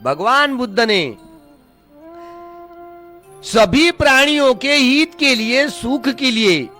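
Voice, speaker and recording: A man's voice: very high-pitched, expressive, takes it slowly, pushed and bright, soft background music. A man teaching Pali pronunciation in Hindi, carefully chanting verses and explaining how each word should be read.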